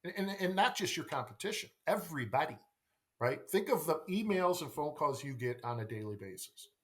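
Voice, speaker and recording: In a conversational podcast interview, a middle-aged sales coach appears as a guest, talking a little fast in a slightly high, animated voice. He's emphatic, repeating phrases and posing rhetorical questions.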